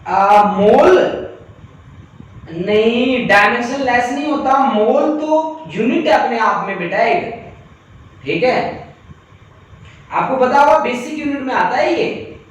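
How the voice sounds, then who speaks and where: A man's voice: very high-pitched, lively intonation, slow pace, pauses often. A male physics teacher giving an online class lecture, chatty, reading out student comments and making joking asides. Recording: distant mic in echoey room, faint noise.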